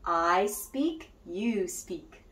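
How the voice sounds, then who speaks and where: A woman's voice: mid-range voice, animated, drawn-out words, fairly bright tone. A woman music teacher leading a children's lesson, cheerful and guiding with call-and-response. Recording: roomy echo.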